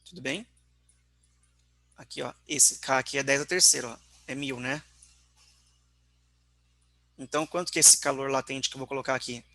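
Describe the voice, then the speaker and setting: A man's voice: mid-range voice, fairly even intonation, normal speed, creaky, pauses often, pushed and bright. A man teaching an online physics class, working through calculations step by step and often checking in with his students.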